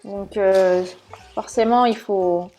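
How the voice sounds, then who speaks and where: A woman's voice: medium pitch, steady tone, slow, dark tone, soft background music. A woman hosting a live cooking stream with a put-on southern French accent, chatting casually and thinking aloud as she works in her kitchen, often laughing at her own mistakes. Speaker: cooking channel host.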